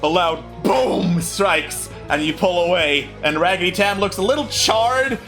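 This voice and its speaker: Male game master, lively narration, bright forceful voice, fairly high pitch, music behind. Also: a little slow. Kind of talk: animated tabletop game narration. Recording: background music under the voice.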